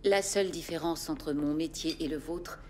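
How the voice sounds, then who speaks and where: A woman playing a cold low-voiced assassin. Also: normal speed, darkish tone, soft background music, natural voice. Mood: cold, calm. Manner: cool, controlled, menacing. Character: cold, calculating female assassin. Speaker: cold professional killer.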